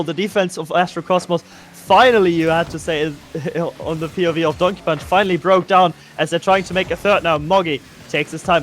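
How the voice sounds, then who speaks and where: A man doing live play-by-play esports commentary, calling the action quickly and excitedly. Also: high voice, slight background noise. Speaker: play-by-play caster.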